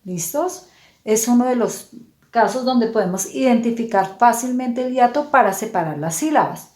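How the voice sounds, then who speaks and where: A woman teacher explaining grammar slowly and patiently, spelling out words syllable by syllable. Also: on the high side, animated, darkish tone, roomy sound. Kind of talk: slow, clear classroom explanation.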